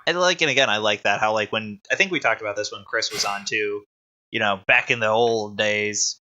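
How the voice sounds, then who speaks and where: A man's voice: fairly low pitch, a little fast, sharp tone, muffled recording, slight background noise. A man co-hosting a casual podcast, rambling and self-deprecating with jokes. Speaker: podcast co-host. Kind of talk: casual chat.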